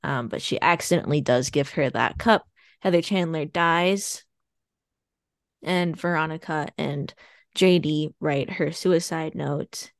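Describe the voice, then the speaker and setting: A woman's voice: sits low, unhurried, no echo, clean studio sound. A woman co-hosting a podcast, chatting casually and retelling a plot with lots of fillers. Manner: rambling plot summary with fillers and laughs. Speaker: podcast co-host. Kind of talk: casual chat.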